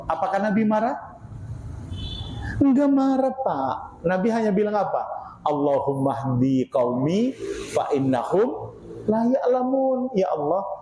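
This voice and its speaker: A man preaching a sermon in a mosque study circle, questioning his listeners and swinging between loud and quiet. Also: a little hiss or hum. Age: 60s. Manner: animated, rhetorical questions to the congregation, swings between loud and low. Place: mosque hall. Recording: echoey mosque hall.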